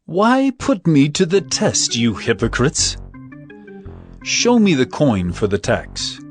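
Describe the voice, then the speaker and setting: In this dramatized scripture reading, a man voices Jesus as a composed, commanding teacher, speaking in a measured, solemn way. His pitch sits on the high side, the performance is heavily acted, and the tone is rebuking over faint background music.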